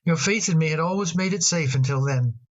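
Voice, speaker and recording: A man's voice: fairly high pitch, highs cut off, close to an everyday voice. Give me a man playing a tender, doting father in a vintage radio play. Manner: gentle, fond, halting. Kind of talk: radio drama acting. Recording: old radio recording.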